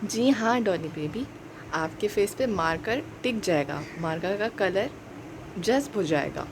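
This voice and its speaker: A woman voicing a calm, kind mother who gently advises a child in a puppet show. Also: mid-range voice, unhurried, background noise. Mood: advising. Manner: soft, soothing, gently advising.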